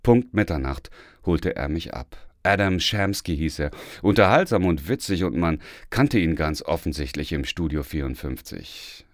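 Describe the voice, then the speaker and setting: A man reading a first-person memoir as an audiobook, telling it in a lively storytelling manner. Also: deep voice, dry recording, clean studio sound. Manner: lively, storytelling with acted dialogue. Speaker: audiobook reader.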